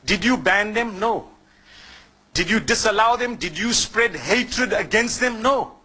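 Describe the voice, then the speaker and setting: A man's voice: sits high, unhurried, bright, forceful tone, breathy edge, low-quality recording. A man from Zimbabwe giving a sermon as an Islamic preacher, speaking conversationally and putting questions to the listeners before answering them himself.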